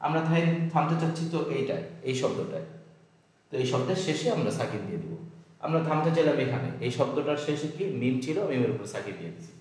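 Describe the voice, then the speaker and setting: A man teaching the rules for pausing in Quran recitation, patiently repeating each rule, asking and answering his own questions, and chanting the examples slowly. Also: medium pitch, expressive, darkish tone. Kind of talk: step-by-step lesson with slow chanted examples. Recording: very echoey room.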